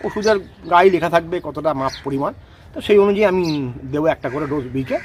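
Fast, high-pitched man teaching. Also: a little hiss or hum. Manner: explanatory, repeats "ঠিক আছে?" to check understanding. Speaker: rose gardening expert. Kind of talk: casual outdoor demonstration.

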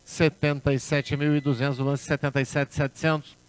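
A man's voice: a little high, flat delivery, a little fast, clear, resonant tone. A man working as an auctioneer, calling bids at a car auction in a repetitive chant.

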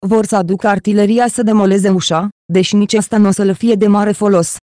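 A reader voicing an excitable, nervous man in an audiobook, talking in agitation. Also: medium pitch, dry recording, clean studio sound, lightly acted. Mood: agitated. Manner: agitated, jittery.

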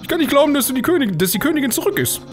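A man voicing a loud, excitable and naive skeleton man from a video game, reading the text with shrill eagerness. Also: racing, music in the background. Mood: excited.

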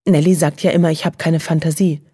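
A woman's voice: deep voice, steady tone, fast, dark tone, breathy edge. Trude, a woman voicing a timid worried girl. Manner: worried, grumbling, reluctant. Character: timid, cautious young girl.

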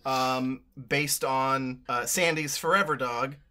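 Bright-voiced man in his thirties, halting. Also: medium pitch, steady tone. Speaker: vlog co-host. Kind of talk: casual chat, explaining. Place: indoor room full of collectibles.

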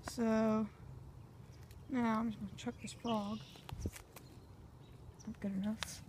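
A woman's voice: a little high, little pitch movement, slow pace, darkish tone, slight background noise. A woman filming a casual fishing vlog on a handheld phone outdoors by a pond, rambling to her viewers as she goes. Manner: rambling, chatty, talks to viewers as "guys". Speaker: fishing vlogger.

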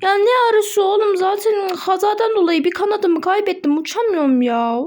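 A woman's voice: very high voice, normal speed, darkish tone, pitched above the performer's own voice. A woman voicing a whiny young pegasus pony that lost a wing, complaining in a toy role-play. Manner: complaining, protesting innocence.

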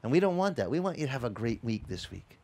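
Here the same kind of speaker, a middle-aged Italian-native pastor, talks fast at a medium pitch while preaching outdoors at the beach on a headset mic. His sermon is conversational and energetic, full of joking asides.

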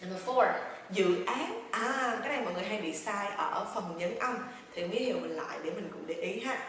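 A woman teaching a pronunciation lesson, chatty and encouraging, drilling words by repeating them slowly and then quickly. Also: mid-range voice, animated. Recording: echoey room, heard from a distance, faint noise.

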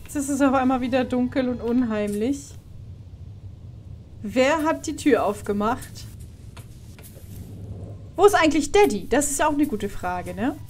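High-voiced woman reacting to a horror game. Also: expressive, measured pace, pauses often, a little mellow, slight background noise. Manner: exclaiming, chatty, swears now and then. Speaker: let's play host. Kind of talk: commented horror gameplay.

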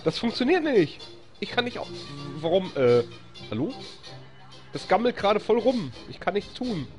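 Soft background music plays under a let's-play from a live-stream gamer with a German accent. The commentary is excitable, full of cheers and laughter, with grumbling when the game gets stuck. Pitch is medium and speed is normal.

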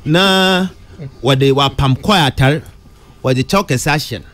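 A middle-aged Ghanaian man talking in a radio studio, mixing Twi and English, his pitch leaping up on questions. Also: unhurried, fairly bright tone. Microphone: studio mic close to mouth.

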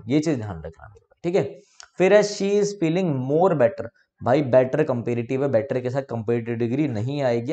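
A young man teaching English grammar for exams, patiently explaining and often checking that students follow, reading example sentences out slowly. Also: fairly high pitch, mellow. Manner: explains patiently, asks "ठीक है?" to check understanding. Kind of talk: exam-prep grammar lesson.

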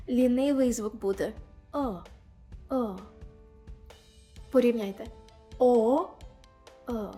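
Ukrainian lady teacher, kinda high voice, slow careful demo sounds for english lesson, soft music behind. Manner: clear, demonstrative, over-articulating example sounds. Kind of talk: pronunciation lesson.

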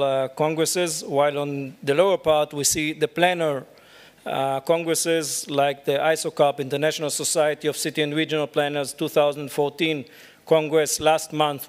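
Middle-aged male keynote speaker, slightly high voice, halting delivery with lots of fillers, podium mic in a big hall. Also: clear, resonant tone. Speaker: keynote speaker, urban planner. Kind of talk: conference keynote lecture. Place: large dark lecture hall at a podium. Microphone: podium microphone.

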